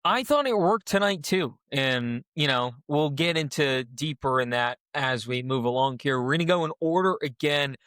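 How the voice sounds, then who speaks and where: A man co-hosting a casual reality-show recap, talking through events in a measured, analytical way. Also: medium pitch, animated, a bit bright, clear, resonant tone, dry recording, studio quality. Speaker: podcast co-host.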